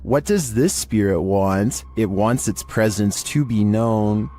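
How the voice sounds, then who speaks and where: A man's voice: fairly low pitch, slow, dark tone. A man reading a scripted narration about paranormal investigations as the narrator.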